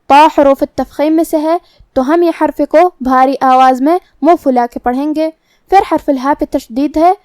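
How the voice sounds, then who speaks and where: Brief: female recitation teacher, high voice, dry close sound, methodical and patient. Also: darkish tone, no room sound. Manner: methodical step-by-step explanation with drawn-out recitation. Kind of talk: tajweed lesson, explaining then reciting slowly.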